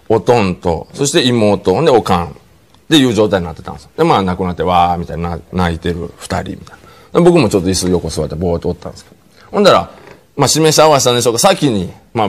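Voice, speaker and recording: A man with a Kansai accent, a comedian telling a funny personal story on a studio talk show and slipping into imitated voices. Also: sits low. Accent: Kansai Japanese. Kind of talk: comic anecdote on a talk show. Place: TV studio with an audience.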